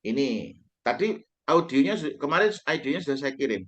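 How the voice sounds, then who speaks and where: A man teaching an online English class, explaining slowly and stressing the English phrases he quotes. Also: mid-range voice, sing-song, a bit bright. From Indonesia.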